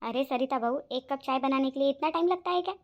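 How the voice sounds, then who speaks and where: A woman voicing a bossy, sharp-tongued elderly mother-in-law in a cartoon, talking in a scolding, complaining way. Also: high-pitched, fast talker, lo-fi sound, a little hiss or hum, lightly acted. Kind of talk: cartoon voice acting.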